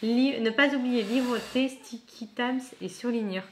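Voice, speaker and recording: A woman's voice: a little high, unhurried, heavy background noise. Chatty woman unboxing books. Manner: chatty, thinks aloud, frequent asides. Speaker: book vlogger. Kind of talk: casual unboxing chat.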